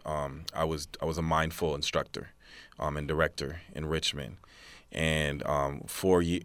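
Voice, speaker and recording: Laid-back man with a very deep voice. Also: fairly bright tone, no room sound. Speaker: mindfulness instructor and hip hop artist. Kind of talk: casual conversation.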